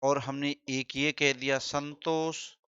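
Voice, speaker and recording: A man's voice: medium pitch, flat delivery, bright, forceful tone, clean tone, dry recording. A man teaching a Hindi grammar lesson, repeating key terms and quizzing his listeners. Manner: drawn-out, deliberate delivery. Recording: slightly dull, dry sound.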